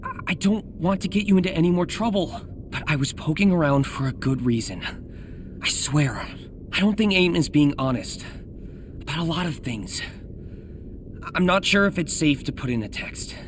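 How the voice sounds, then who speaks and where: A man's voice: a little high, animated, normal speed, long pauses, slight background noise, lightly acted. A man playing an anxious, earnest young American superhero in a video game, rambling and hesitant in a self-deprecating way. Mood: apologetic, pleading. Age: young adult. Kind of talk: naturalistic game voice acting, spoken diary and messages.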